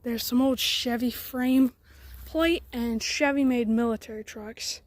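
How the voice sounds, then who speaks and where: A woman's voice: a little high, fairly even intonation, a little slow, no room sound. A woman hosting a casual walkaround vlog outdoors in the woods. She rambles in a chatty way and sometimes drops to near-whispers. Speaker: garage channel host. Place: outdoors in woods by an old truck.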